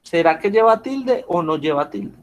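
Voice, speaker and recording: A man's voice: a little high, lively intonation, normal speed. A man teaching an online class over a video call, patiently checking in with his students after almost every point. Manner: patient, checks in with frequent questions.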